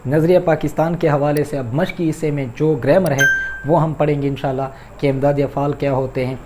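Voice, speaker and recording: A man's voice: a little high, level tone, slight background noise. A man teaching an Urdu class, explaining vocabulary and repeating words to correct their pronunciation, addressing listeners politely. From Pakistan. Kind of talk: lecture on vocabulary and grammar.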